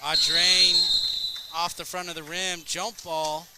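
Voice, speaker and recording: A man with a fairly high voice calls a high school basketball game play by play, moving between brisk action calls and dry, joking asides. The broadcast picks up plenty of gym noise and bouncing balls behind him. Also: level tone. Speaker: play-by-play announcer. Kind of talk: play-by-play commentary. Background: gym crowd and bouncing balls.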